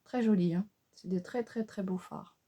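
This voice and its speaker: A beauty vlogger with a relaxed, mellow, middle-range voice talks at a moderate pace as she improvises a makeup look for her viewers. Chatting with many fillers and asides, she wavers over choices, asks the audience what they think, and exclaims excitedly over the colors.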